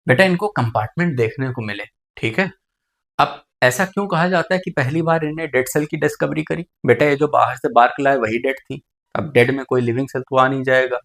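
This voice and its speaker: Speaking a little fast in a mid-range, slightly bright voice with vocal fry, this male biology lecturer addresses the class as "beta." He often raises a question and supplies the answer on his own.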